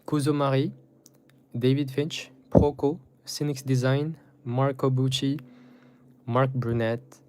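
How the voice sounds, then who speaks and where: A man's voice: medium pitch, little pitch movement, slow, a little mellow, smooth. A man chatting informally on a drawing livestream, slangy and often repeating words, as he reads and answers comments. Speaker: art livestreamer. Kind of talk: casual livestream chat while drawing, reading comments aloud. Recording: music playing behind the voice. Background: guitar music.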